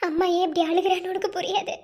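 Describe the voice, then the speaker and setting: A woman's voice: extremely high pitch, little pitch movement, fast talker, a little mellow. A woman voicing a young mother in a cartoon drama, who speaks tenderly to her child through tears. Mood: tearful tender. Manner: tender, tearful, pleading. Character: tearful, loving young mother.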